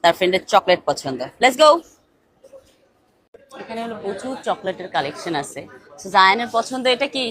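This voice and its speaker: A woman's voice: mid-range voice, lively intonation, moderate pace, pauses often, fairly bright tone. A young woman, narrating a casual family vlog and coaxing her son with short questions. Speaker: vlogger and mother.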